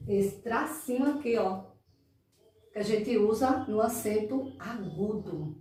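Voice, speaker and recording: A woman's voice: mid-range voice, expressive, warm tone. A Brazilian woman teaching children in a recorded lesson, stretching out words and checking in often. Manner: drawn-out, emphatic enunciation of words, frequent "tá?" checks. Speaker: primary school teacher. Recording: echoey room, mic far off.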